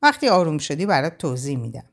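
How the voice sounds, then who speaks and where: Woman voicing a gentle coaxing young man. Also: sits low, sing-song. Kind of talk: audiobook character voice.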